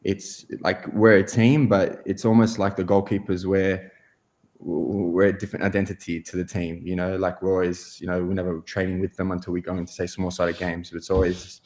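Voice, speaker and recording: A young man, answering interview questions in a halting way, full of fillers and restarts. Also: deep voice, level tone, a little mellow. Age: 20s. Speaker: guest goalkeeper.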